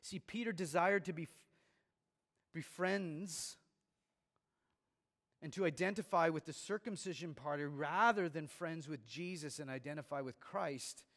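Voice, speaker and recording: A man's voice: a little high, a little slow, pauses often, fairly bright tone. A man preaching a sermon as pastor, earnest and growing emphatic. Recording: long reverb of a large room.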